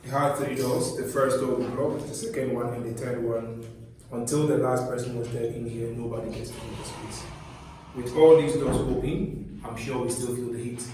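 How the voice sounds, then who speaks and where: A man's voice: mid-range voice, steady tone, normal speed, mellow. Man, guided tour narration, echoing stone rooms, recorded at a distance, noisy background. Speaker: tour guide at a historic castle. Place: inside stone castle cells and passages. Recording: echoey stone chambers, distant mic, clear background noise.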